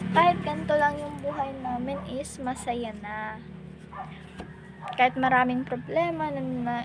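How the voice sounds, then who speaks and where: A young woman pours out her troubles in a casual confessional vlog, her voice pitched high and her words rambling with fillers. She is recorded on a phone with clear background noise around her. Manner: emotional, rambling, frequent fillers. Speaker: vlogger. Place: home, hot and alone.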